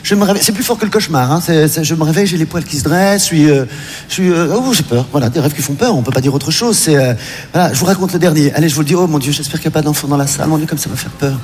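A man performing as a strange castaway living alone on an island, rambling and hesitant in a low mumble. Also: rapid-fire, a little mellow, natural voice. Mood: dazed, rambling. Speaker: stand-up comedian. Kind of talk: stand-up character monologue. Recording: long hall reverb, clear background noise.

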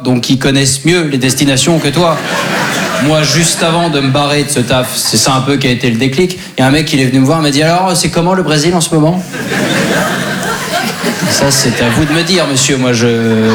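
A young adult man with a French accent and a mid-range voice performs a conversational, self-deprecating stand-up comedy routine for a live audience on a comedy stage. The live show recording carries heavy background noise and crowd laughter.

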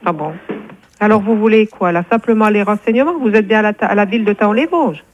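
A woman's voice: medium pitch, fast talker, a little hiss or hum. A woman working a town hall switchboard, answering a call with blunt, matter-of-fact replies, heard over a phone line. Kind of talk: phone call, prank call target.

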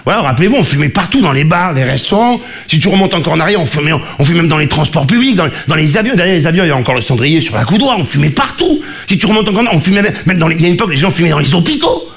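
A man, doing a rambling, self-mocking stand-up routine with quick asides and stammered restarts. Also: on the high side, lively intonation. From Marseille, southern France. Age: 40s. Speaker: stand-up comedian. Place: live comedy stage before an audience. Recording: live show with crowd noise. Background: audience laughter.

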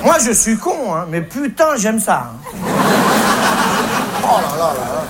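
This male comic's voice is high-pitched and swoops wildly, and he speaks slowly over a noisy crowd. He performs a stage monologue, a sweary, colloquial rant with a faux-naive edge. The live recording is noisy, and audience laughter fills the background.

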